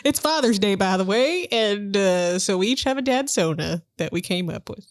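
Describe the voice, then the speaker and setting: A woman's voice: mid-range voice, lively intonation, normal speed. Laughing woman game master. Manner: laughs easily, bubbly. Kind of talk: podcast chat and game narration.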